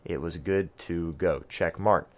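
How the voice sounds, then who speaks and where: A man's voice: deep voice, steady tone, takes it slowly, a little mellow. A man giving a casual map guide for a video game, chatty, with lots of ums and self-deprecating asides. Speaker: gaming video creator.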